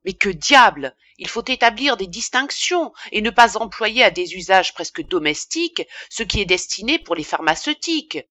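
A woman's voice: mid-range voice, big pitch swings, normal speed, hardly any pauses, pushed and bright, dry recording. A woman voicing a pompous, irascible middle-aged male apothecary in an indignant tirade, read for an audiobook.

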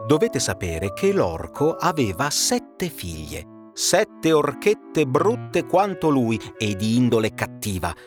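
A man narrating a fairy tale, expressive and dramatic. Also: mid-range voice, slow pace. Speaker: storyteller. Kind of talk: storybook narration. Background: background music.

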